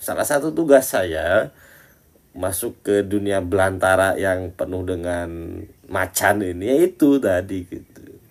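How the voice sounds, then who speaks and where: A man with a low, gravelly voice gives a relaxed religious lesson. He talks to his listeners like friends, teasing as he goes. He jumps from loud, emphatic lines down to quiet, muttered asides. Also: measured pace. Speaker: Islamic religious teacher. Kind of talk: casual Islamic study talk.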